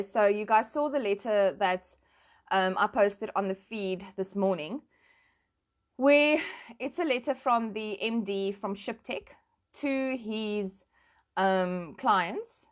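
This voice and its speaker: A South African woman chatting casually to her online followers in an informal, plain-spoken and emphatic way. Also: mid-range voice. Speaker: online commentator and host. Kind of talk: casual chat to followers, switching between languages.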